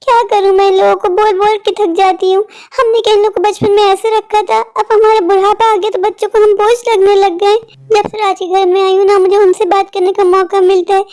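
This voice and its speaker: A woman's voice: very high voice, level tone, a little fast, a little mellow. A woman voicing an elderly, ailing mother in a cartoon, who pleads wearily for help. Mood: weary pleading. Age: older. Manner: weary, complaining, pleading. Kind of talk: animated cartoon voice acting.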